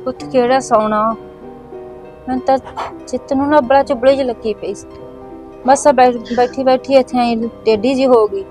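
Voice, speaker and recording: Actress as a weary village mother, soft-spoken, faint music under. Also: steady tone, moderate pace, close to an everyday voice. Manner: subdued, low-key, worn.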